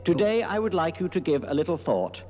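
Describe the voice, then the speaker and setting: An actor playing a kindly, polite older priest with a genteel manner in a television puppet drama. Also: male voice, fairly high pitch, very animated, brisk, darkish tone. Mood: earnest. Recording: dull lo-fi soundtrack, faint music.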